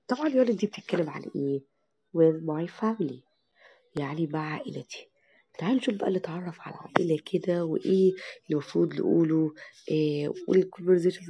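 A young woman with an Egyptian Arabic accent teaching an English lesson to parents, stretching out English words slowly to show how they are said. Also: low-pitched, vocal fry, mellow, breathy edge. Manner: slow, drawn-out model pronunciation of English words.

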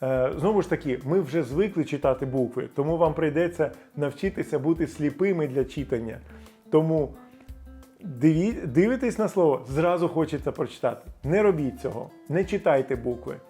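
A Ukrainian-speaking man in middle age explains English pronunciation in an emphatic lesson style. His voice sits a little high yet sounds mellow and dark, and he stretches out the English example words. Soft music plays faintly behind him. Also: lively intonation. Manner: emphatic, demonstrates English words slowly with stress. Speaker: English teacher.

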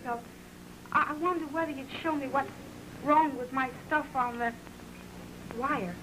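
A woman's voice: high voice, unhurried, fairly bright tone. An actress playing a slangy, playful young working-class American woman in an early talkie. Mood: coy, hopeful. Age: young adult. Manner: slangy, chatty. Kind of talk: early talkie film acting. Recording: noisy old film soundtrack.

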